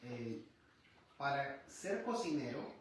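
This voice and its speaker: A man in his fifties, a guest in a livestream interview, speaking calmly and conversationally with pauses and fillers. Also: medium pitch. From Honduras. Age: 50s. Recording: very echoey room, far from mic, some noise.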